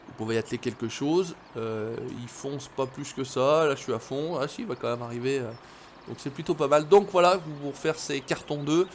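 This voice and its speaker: A man's voice: mid-range voice, fairly quick, a little hiss or hum. A man casually commentating a farming game, chatty, swearing now and then, and talking straight to his viewers. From France. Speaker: gaming video host.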